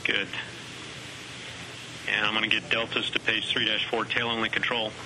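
A man's voice: fairly low pitch, level tone, normal speed, noisy background. A man working as a flight controller, talking procedurally over a mission control radio loop.

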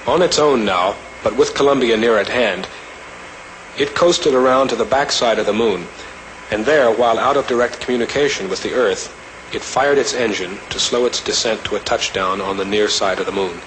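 Low-voiced male documentary narrator, noisy archival soundtrack. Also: a bit bright. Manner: measured, formal.

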